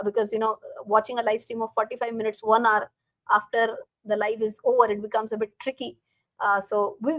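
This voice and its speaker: Casting: woman, Indian accent, somewhat high voice, casual live-stream host and teacher who talks straight to her viewers. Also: a bit bright, no room sound, poor audio. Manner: repeats phrases, addresses viewers directly.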